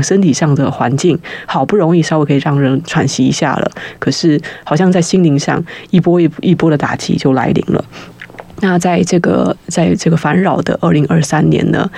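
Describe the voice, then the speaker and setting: A young man, guest-hosting a casual radio chat in a studio, talking fast and rambling with nervous restarts. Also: fairly high pitch, gravelly, darkish tone, no room sound. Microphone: studio mic with headphones.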